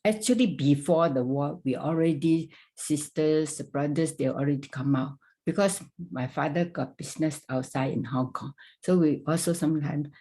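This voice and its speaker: An older woman from Vietnam, a guest on a family podcast, recalling her life in casual talk with halting, simple phrasing and many restarts. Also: sits low, dark tone, slight background noise.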